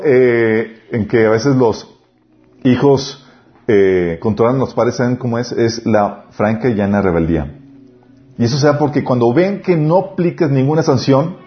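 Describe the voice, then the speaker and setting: A man preaching a sermon on parenting, lively, acting out family dialogues. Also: mid-range voice. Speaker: pastor. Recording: dull lo-fi recording.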